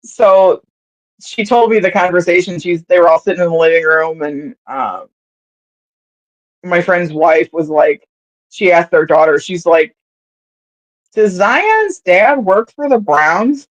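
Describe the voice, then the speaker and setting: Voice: medium pitch, fairly even intonation, a little slow, long pauses. Chatty sports podcast host, rambles with lots of ums, kinda dull lo-fi sound. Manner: rambling storytelling with many fillers and restarts. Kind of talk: casual sports podcast chat. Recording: dull, slightly lo-fi audio.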